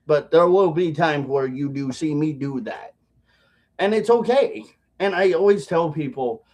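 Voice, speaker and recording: Slow, halting man talking around chewing tobacco. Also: fairly high pitch, darkish tone. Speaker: video blogger. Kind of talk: casual rambling vlog talk to viewers.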